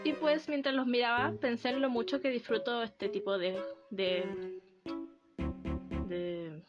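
A woman's voice: a little high, fairly even intonation, a little slow, highs cut off, over loud music. A woman giving casual commentary while playing a horror game, easily frightened, shrieking and laughing nervously.

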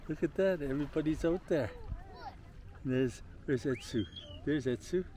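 An older grandparent filming a family day at a lake, talking gently and coaxingly to small grandchildren. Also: mid-range voice, slight background noise. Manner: gentle, coaxing talk to small children, slow and chuckling. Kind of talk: casual family chat. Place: outdoors at a lakeshore. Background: background music.

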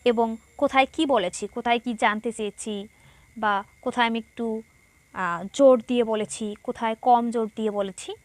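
A woman's voice: a little high, no room sound. A woman teacher with a Bangladeshi Bengali accent, giving a patient, explanatory lesson to schoolchildren and reading passages aloud.

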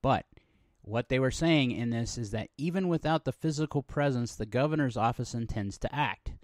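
A man's voice: medium pitch, moderate pace, no echo. Man, middle-aged, from New Mexico, podcast host, rambling casual monologue, dry close sound. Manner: rambling, conversational, with many fillers and restarts.

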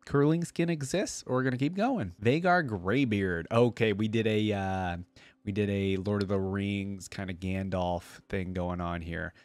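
Speaking a little slowly in a lowish voice, a reaction video creator of about thirty offers casual, thinking-aloud commentary. He uses a close desk microphone with a headset, and the sound has no echo.

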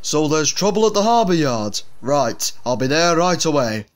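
A man's voice: fairly high pitch, very animated, normal speed. A man voicing a stern, middle-aged railway boss with a firm, authoritative manner. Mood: brisk.

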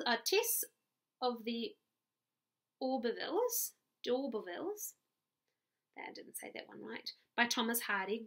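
A woman's voice: a little high, fairly bright tone. A woman with a New Zealand accent reading a chapter book aloud to children as their teacher, friendly and stopping for little asides.

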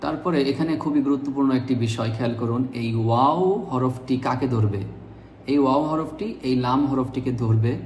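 A man teaching Quran reading, sounding out each word syllable by syllable and repeating them patiently in a slow lesson. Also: mid-range voice, a little mellow. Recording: echoey room with faint background noise.

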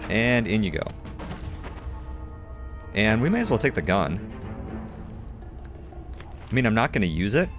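A man talks through his gameplay in a lowish voice that bounces up and down a lot, chatty and self-mocking as he goes. Faint game music sits underneath his commentary. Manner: chatty, self-mocking asides while playing. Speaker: gaming video host. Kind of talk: let's play commentary.

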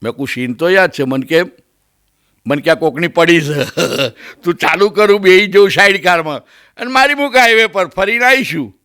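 A Gujarati-accented male comedian telling a funny story and acting out its characters. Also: normal speed. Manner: animated, acts out characters with raised pitch. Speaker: stand-up comedian. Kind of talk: comic storytelling. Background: audience laughter.

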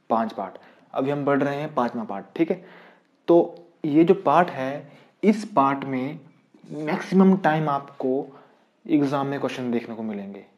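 A man's voice: mid-range voice, darkish tone. A man teaching a grammar lesson for exam prep, asking the class questions and answering them himself. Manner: quizzes students, repeats rhetorical questions.

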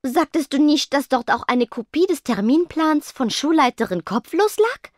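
A woman's voice: sits high, lively intonation, moderate pace, dry recording, clean studio sound, voice pushed up. A woman voicing a polite teenage gargoyle girl. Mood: earnest.

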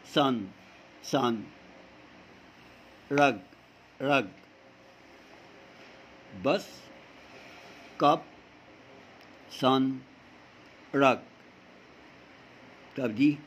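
A man with an Egyptian Arabic accent teaching English to young pupils, repeating words slowly for them to copy. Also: mid-range voice, fairly bright tone, breathy edge. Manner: slow drilling repetition, stretching words. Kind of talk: recorded classroom lesson for young pupils.

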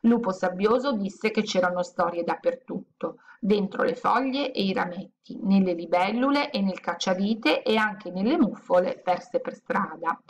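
Gravelly woman reading a children's story. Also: mid-range voice, moderate pace, few pauses, a little hiss or hum. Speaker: audiobook reader.

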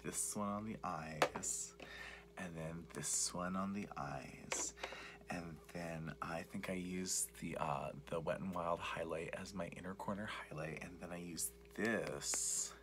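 A young man doing soft-spoken, mostly whispered ASMR as a makeup vlogger, rambling and repetitive in a campy way, with a breathy murmur. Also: steady tone, slow pace. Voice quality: breathy whisper mixed with low creaky murmur. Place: small cluttered room indoors. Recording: noisy home recording with clicking and tapping.

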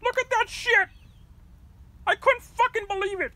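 Woman playing a shrill cursing puppet-world mom. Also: measured pace, no echo, full character voice. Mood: furious. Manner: profane, shouting, rambling. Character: foul-mouthed furious puppet-world mother. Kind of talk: comedic vlog rant.

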